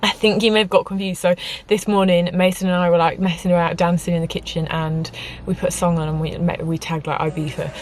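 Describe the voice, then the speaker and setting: A woman's voice: lowish voice, flat delivery, fast talker, slight background noise. Chatty young woman vlogging in a car. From United Kingdom. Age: 20s. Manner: chatty, bubbly, peppers talk with "like". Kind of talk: casual chat, Q and A. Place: inside a parked car.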